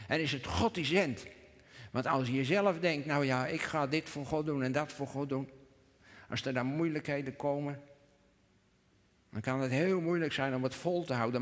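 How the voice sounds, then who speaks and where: A man, preaching a sermon in church, earnest, rising to emphatic peaks and dropping to a hush. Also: on the high side. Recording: long reverb of a church hall.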